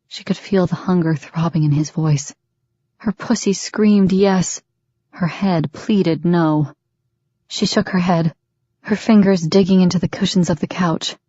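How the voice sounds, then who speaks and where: A woman narrates an audiobook in a steady, measured way, her voice sitting low. The sound is dull and lo-fi, close and dry with no room echo. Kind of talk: scripted narration.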